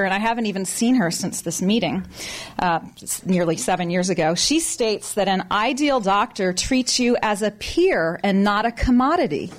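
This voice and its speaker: A woman doctor giving a conversational public talk to a meeting audience, animated, with restarts and asides. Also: medium pitch.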